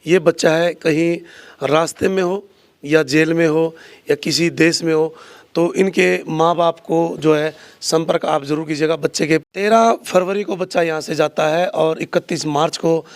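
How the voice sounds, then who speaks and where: A man's voice: a little high, steady tone, measured pace, no room sound. A man reporting in the field for local news, interviewing a family and appealing earnestly to viewers.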